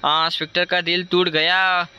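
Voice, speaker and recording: A man casually commenting live on his gameplay, chatting with viewers and repeating words in rapid strings. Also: high voice, little pitch movement, pushed and bright, smooth. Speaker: streamer. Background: faint ambient noise.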